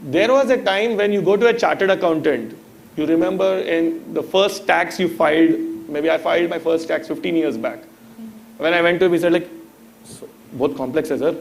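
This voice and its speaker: The recording is rough, with a bit of hiss or hum, as a man in his thirties with an Indian accent speaks fairly quickly in a highish voice with vocal fry. As a guest in a motivational talk, he instructs through storytelling and rhetorical questions.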